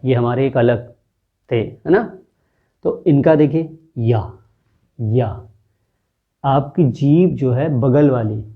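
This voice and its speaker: A man teaching a pronunciation lesson, patiently sounding out consonants one by one and asking the viewer where each sound comes from. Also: mid-range voice. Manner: patient, demonstrative, repeating sounds slowly and quizzing the viewer. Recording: dull lo-fi recording.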